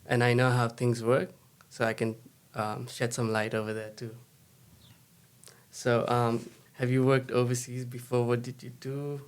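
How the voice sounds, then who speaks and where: A man from Nepal hosts a casual podcast chat in a smooth, clear voice. He keeps a steady pace and puts short questions to his guests. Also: mid-range voice, measured pace. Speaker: podcast host.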